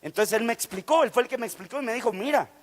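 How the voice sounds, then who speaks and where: A man's voice: extremely high pitch, rapid-fire, in a large hall. A man preaching a fervent sermon in church, acting out the voices he quotes. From Guatemala. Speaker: guest preacher. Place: church sanctuary.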